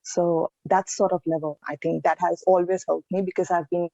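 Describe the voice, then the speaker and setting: A woman's voice: on the low side, flat delivery, creaky, mellow, no echo. Earnest woman from India, dull lo-fi sound. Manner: earnest, reflective, with pauses and restarts. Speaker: podcast guest. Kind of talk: casual interview answers.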